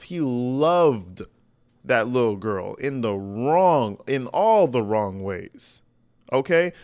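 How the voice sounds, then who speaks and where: A man hosting true-crime commentary in an informal, opinionated style, blunt and slangy with emphatic stresses. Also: medium pitch.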